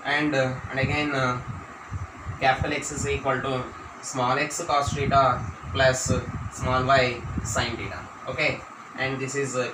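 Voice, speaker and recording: A man with an Indian accent gives a classroom maths lecture, dictating points and saying phrases over again. His voice sits at some distance from the microphone in a roomy, echoing space. There is clear background noise throughout. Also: mid-range voice. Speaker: mathematics teacher. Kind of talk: classroom lecture for exam students. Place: echoey room, teaching at a board.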